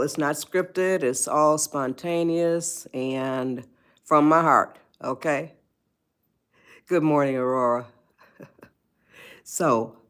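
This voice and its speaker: Her voice is deep, clear and resonant. She is an 81-year-old livestream host offering advice in spontaneous talk, rambling and repeating herself as she welcomes viewers by name.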